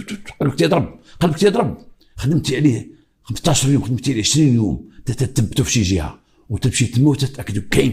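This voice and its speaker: An older man with a Moroccan accent, a retired police investigator, recounts a true crime story, using dramatic pauses and imitating heartbeats. He has a mid-range voice with a darkish tone.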